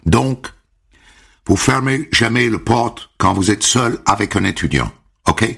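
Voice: medium pitch, lively intonation, a little slow, vocal fry, a bit bright, slightly rough, exaggerated voice. Storybook voice: a man playing a firm, lecturing school official. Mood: stern.

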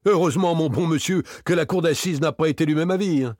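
Brief: male reader playing a cornered servant in an audiobook, high stammering whine, husky, wildly swinging pitch. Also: expressive, brisk, darkish tone, no room sound, studio quality. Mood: protesting. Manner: stammering, whiny, protesting shrilly. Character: frightened shifty male servant accused of murder.

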